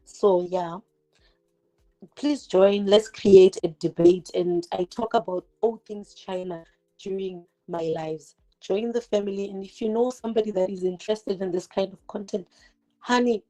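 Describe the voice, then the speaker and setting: This YouTuber, a Zimbabwean woman in her twenties whose first language isn't English, chats with livestream viewers while cooking in her kitchen. Her medium-pitched, mellow voice moves at a measured pace over poor audio, with fireworks outside. Direct and talkative, she fills her speech with "like" and rhetorical questions.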